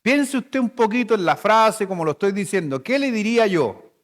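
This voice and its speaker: A male pastor with a Chilean Spanish accent preaches playfully and conversationally in a church hall, telling stories to his congregation. His high voice has lively intonation and a moderate pace, trailing off in a long reverb.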